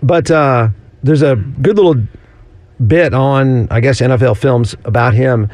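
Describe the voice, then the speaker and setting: A man's voice: mid-range voice, unhurried, darkish tone, no echo. A man co-hosting a sports radio show, telling stories in casual talk and laughing as he goes. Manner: storytelling, laughs while telling. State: recovering from sickness.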